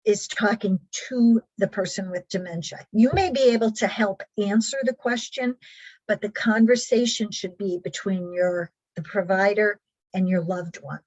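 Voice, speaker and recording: A woman's voice: mid-range voice, fairly even intonation, normal speed, darkish tone, dull audio. A woman presenting a caregiver training workshop, talking patiently and earnestly with frequent ums and restarts.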